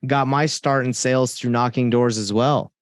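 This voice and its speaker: A man's voice: medium pitch, steady tone, normal speed, no echo, studio quality. A man in his thirties who grew up in Georgia, a friendly guest telling his story with some rambling restarts. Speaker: real estate guest. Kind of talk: conversational interview.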